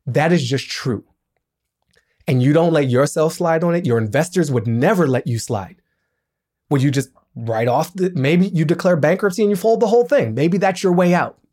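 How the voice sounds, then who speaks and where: A middle-aged man speaks as a podcast guest, his voice at an ordinary male pitch. He explains with lively emphasis, pushing up on the lines that matter. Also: breathy edge. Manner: animated, emphatic explaining with business analogies. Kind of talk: podcast interview.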